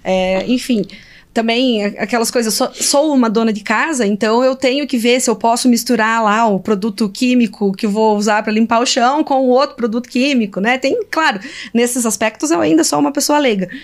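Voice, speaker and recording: Brazilian woman, high voice, engaged academic guest, rhetorical and animated. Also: a little fast. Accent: Brazilian Portuguese. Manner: animated, poses rhetorical questions, many fillers. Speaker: linguist guest. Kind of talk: conversational interview answers.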